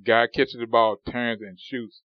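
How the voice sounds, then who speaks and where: Smooth-voiced man, rambling sports talk. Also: mid-range voice, little pitch movement, a little slow, no room sound, highs cut off. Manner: rambling, many fillers and restarts. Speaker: podcast co-host. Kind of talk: casual sports podcast chat.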